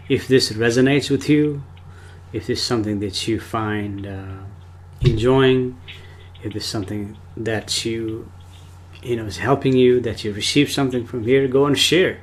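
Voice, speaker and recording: A man from Nepal, a spiritual teacher giving a rambling, casual livestream talk and often speaking of himself in the third person. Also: medium pitch.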